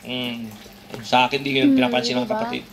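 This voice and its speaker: A man's voice: mid-range voice, sing-song, fairly quick, crowd noise. A man with a Filipino accent preaching a sermon to his congregation, conversational and joking, rising to emphatic peaks. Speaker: pastor.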